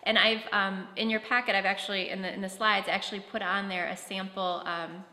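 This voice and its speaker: A woman's voice: medium pitch, little pitch movement, a little fast, pushed and bright. A woman presenting a practical workshop talk at a conference, explaining with concrete classroom examples. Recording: echoey hall.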